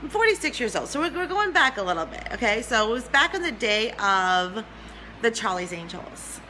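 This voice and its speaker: Female, 40s, spiritual teacher on a livestream. Earnest, repeats herself, bright tone. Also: a little high, very animated, normal speed, slight background noise, low-quality recording. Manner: earnest, repeats phrases, greets viewers by name. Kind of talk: livestream talk to viewers.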